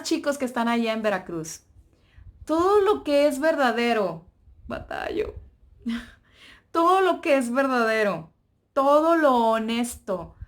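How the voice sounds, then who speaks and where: A woman speaks to a youth group in an informal devotional talk. Her voice sits fairly high, and she keeps it lively and playful, acting out little voices as she goes.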